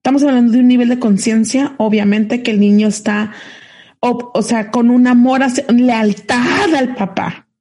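A woman's voice: a little high, fairly even intonation, moderate pace, warm tone. A woman with a Mexican accent, co-hosting a casual online talk show and telling a long anecdote with many restarts. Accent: Mexican Spanish. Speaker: co-host. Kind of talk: casual storytelling chat. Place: remote call from home.

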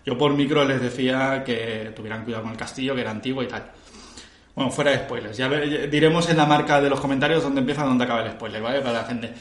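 Animated man from in an echoey room. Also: mid-range voice, fast. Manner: animated storytelling, acts out customers' lines. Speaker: escape room game master. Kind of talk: casual podcast chat.

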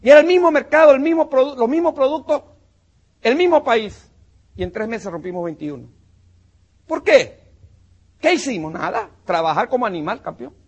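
A man from Panama fires up a room of new business recruits with a punchy, emphatic motivational talk. His voice sits high and carries a husky edge. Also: lively intonation, moderate pace, long pauses, highs cut off. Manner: punchy and emphatic, calls listeners "campeón" and "mi hermano". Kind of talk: motivational talk to a live audience.

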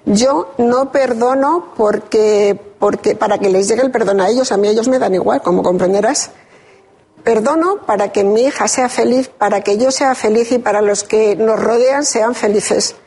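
A woman giving an interview, telling a deeply personal story in a measured, reflective way with hesitant restarts. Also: darkish tone, slightly rough. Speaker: interview guest. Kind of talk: emotional personal testimony.

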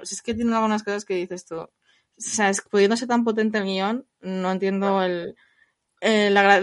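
A woman discussing a film in casual conversation, animated and acting out quoted lines. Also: mid-range voice. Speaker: film podcast co-host.

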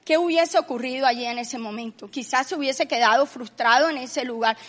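A woman with a high, bright voice gives an earnest faith-based talk. She leans into emphatic, raised passages as she retells a story. The room adds a long reverb tail. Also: fairly quick. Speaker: co-host.

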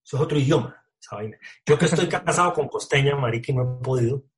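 Male actor, relaxed interview chatter, slangy, lots of restarts. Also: medium pitch, fast talker. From Colombia. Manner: casual, slangy, many fillers and restarts. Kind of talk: casual interview talk.

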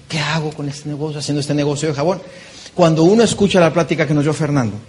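High-voiced man giving a motivational talk. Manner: animated, tosses in rhetorical questions. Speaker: conference speaker. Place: conference stage.

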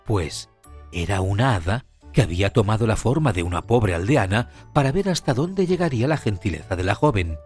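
A man narrating a fairy tale with an expressive storytelling cadence. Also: on the low side, brisk, husky. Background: faint music.

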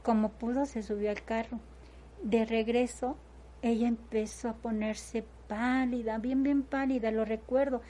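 A woman's voice: a little high, steady tone, measured pace, mellow. A middle-aged woman, a mother recounting events at length in an interview, stringing her story together with repeated phrases. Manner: retells events in long chains, often repeating "agarré y". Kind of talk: personal testimony in conversation.

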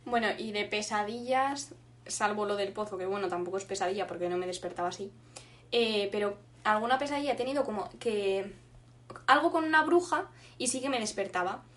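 A young woman co-hosting a podcast, telling stories in an animated way and laughing often. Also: medium pitch, brisk. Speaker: podcast co-host. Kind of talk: casual chat.

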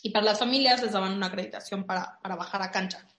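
A woman's voice: medium pitch, racing. A woman with a Mexican Spanish accent, telling a story in casual chat, full of fillers. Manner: animated storytelling with many fillers. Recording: echoey room.

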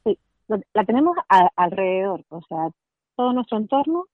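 A woman with a Canarian Spanish accent speaks earnestly as a radio guest, often repeating a word while she looks for the next. Her voice comes through a tinny phone line with a dry, close sound. She has a mid-range pitch. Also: very animated, moderate pace, no room sound. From Canary Islands. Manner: earnest, repeats words while searching for them. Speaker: guest, parents' association president. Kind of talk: casual interview over the phone.

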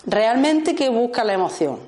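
Lively Spanish woman teaching a group. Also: fairly high pitch, moderate pace. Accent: Spanish from Spain. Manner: lively, often checks in with "¿vale?" and acts out short dialogues. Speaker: workshop teacher. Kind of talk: talk to a small group.

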